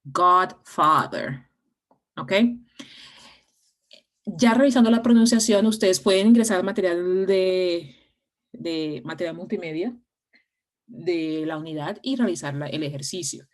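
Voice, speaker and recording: A woman with a low, deep voice teaches an online class. She explains things step by step and often pauses on fillers and restarts her phrases. Her tone is patient and practical. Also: mellow. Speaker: English teacher.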